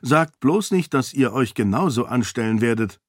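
A man's voice: medium pitch, expressive, moderate pace, no echo, clean studio sound, lightly acted. A man voicing a clever, self-assured young princess in an audiobook, speaking in a raised voice with pointed lines. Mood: teasing. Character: young clever princess, bold and sharp-tongued. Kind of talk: audiobook character voice.

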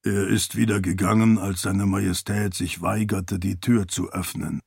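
A man voicing a deep-voiced, formal and courteous floating spirit servant in an audiobook. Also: little pitch movement, normal speed, creaky, darkish tone, breathy edge, dry recording, clean studio sound, full character voice.

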